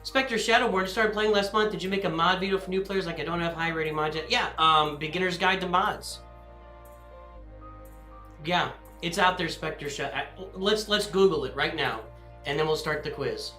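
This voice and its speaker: A man's voice: a little high, brisk, sharp tone. A man hosting a casual live stream as a guild leader, rambling and apologetic as he answers chat questions aloud. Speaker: livestream host and guild leader. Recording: echoey room with faint music.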